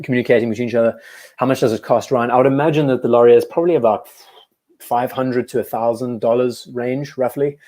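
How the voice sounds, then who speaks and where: A man's voice: mid-range voice, darkish tone. A man in his twenties hosting a live stream, chatting casually and reacting to viewers' comments as he goes. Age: 20s. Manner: chatty, reads live chat aloud, self-correcting. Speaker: host. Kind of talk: casual livestream chat.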